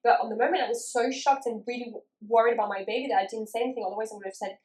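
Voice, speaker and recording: A young woman in her twenties tells a story in a relaxed chat and slips into the voices of the people in it. Her voice sits a little high. The room around her has a clear echo. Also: racing. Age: 20s. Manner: animated, acts out quoted voices. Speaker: podcast co-host. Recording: echoey room.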